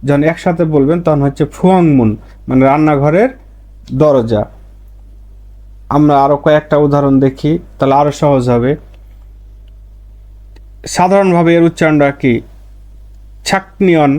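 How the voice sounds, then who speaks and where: A man teaching Korean pronunciation rules, speaking slowly and repeating each example word with stress. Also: fairly high pitch, dark tone. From Bangladesh. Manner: slow, repetitive, stresses example words.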